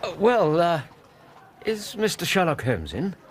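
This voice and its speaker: A genial English gentleman doctor in a radio play, with extremely animated, leaping intonation. He is courteous and hesitant, over faint scene ambience. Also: sits high, unhurried, a little hiss or hum, heavily acted. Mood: polite, flustered. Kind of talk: radio drama dialogue.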